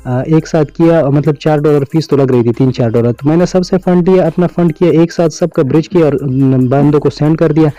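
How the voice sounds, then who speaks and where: Fast-talking man with a dark, dull voice. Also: fairly high pitch, no room sound. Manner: fast, instructive, repeats filler phrases. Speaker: crypto YouTuber. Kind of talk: screen-recorded crypto tutorial. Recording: dull lo-fi audio with faint music.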